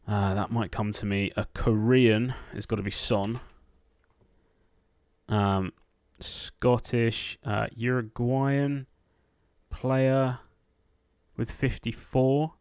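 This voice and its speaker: Taking it slowly with fairly even intonation, a man with a medium-pitched, darkish, clean voice streams himself playing an online quiz. He thinks aloud, mutters guesses half to himself, and says um often. The dry recording carries keyboard typing behind him.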